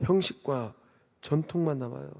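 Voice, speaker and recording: High-voiced preaching man in a reverberant church. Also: moderate pace, vocal fry, darkish tone. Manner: preaching with rhetorical questions and swelling emphasis. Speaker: pastor. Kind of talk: sermon. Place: church sanctuary. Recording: long reverb of a church hall.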